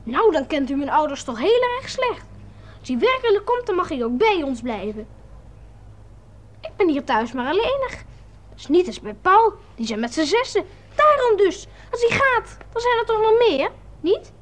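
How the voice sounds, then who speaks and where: A woman's voice: extremely high pitch, sing-song, normal speed. A woman voicing a lonely small child who talks to a grown-up in a radio play, earnest and insistent. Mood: pleading.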